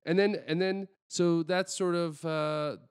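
A man's voice: a little high, steady tone, measured pace, clean tone. A man co-hosting a podcast in casual chat, explaining things with self-mocking humor. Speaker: podcast co-host.

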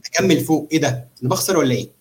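Male, Egyptian accent, higher-than-average pitch, rapid-fire casual explainer, checks in with listener. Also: darkish tone. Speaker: trader demonstrating chart analysis. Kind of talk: casual live walkthrough of a trading simulation.

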